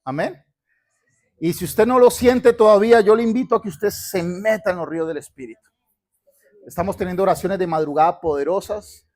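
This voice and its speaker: A man's voice: high-pitched, brisk, a little mellow. A man from Colombia, a pastor preaching fervently in church and calling on the congregation to repeat after him. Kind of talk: sermon with church announcements. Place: church sanctuary.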